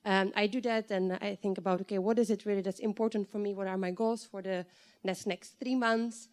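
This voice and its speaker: A woman's voice: medium pitch, fairly even intonation, fairly quick, darkish tone. A woman in the audience who works in consulting, asking a thoughtful, searching question.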